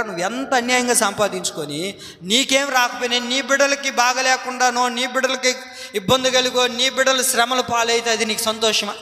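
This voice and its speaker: A man's voice: very high-pitched, bright, forceful tone, reverberant, big-room sound. A man preaching a sermon as pastor, emphatic, repeating phrases and asking his congregation questions. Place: church hall.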